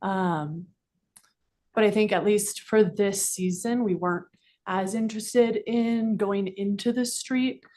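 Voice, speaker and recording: A woman's voice: medium pitch, steady tone, slow, a little mellow. Woman explaining her restaurant's plans to a council. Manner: informal, many fillers, explanatory. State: slightly out of breath. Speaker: restaurant representative. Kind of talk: public comment at council meeting. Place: council chamber. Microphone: desk microphone.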